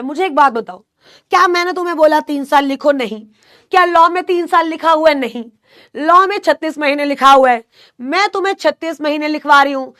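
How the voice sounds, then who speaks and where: A woman's voice: extremely high pitch, a bit bright. A young woman teaching an online class with a sore throat, drilling her students with call-and-response and teasing scolds.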